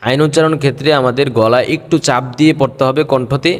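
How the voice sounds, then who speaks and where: Patient man teaching letters, echoing hall. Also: medium pitch. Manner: patient, repeats each letter slowly and drawn out, half-sung. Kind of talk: pronunciation lesson on Arabic letters.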